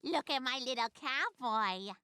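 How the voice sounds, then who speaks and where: A shrill cartoon mom. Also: female voice, expressive, measured pace. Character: shrill cartoon mom, middle-aged woman.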